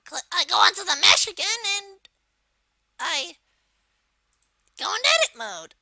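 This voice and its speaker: A person voicing a bratty male cartoon Koopa creature, giving a casual, unscripted software tutorial in a halting, self-correcting way. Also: very high-pitched, sing-song, dry recording, heavily acted. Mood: explaining, halting. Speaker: tutorial host.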